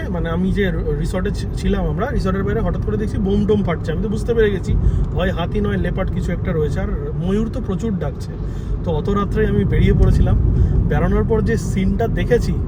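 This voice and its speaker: A man chatting casually in a travel vlog while driving, describing the scenery around him. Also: high voice. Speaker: co-host, driving. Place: inside a moving car. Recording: loud car road noise.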